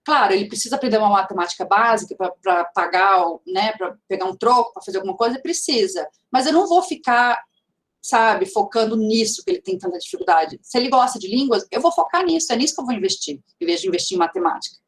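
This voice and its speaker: A woman's voice: fairly high pitch, animated, fast. A woman with a mixed regional Brazilian accent speaks in a chatty, conversational way over a video call, full of fillers and restarts, as she answers questions at an online seminar. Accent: mixed regional Brazilian Portuguese accent.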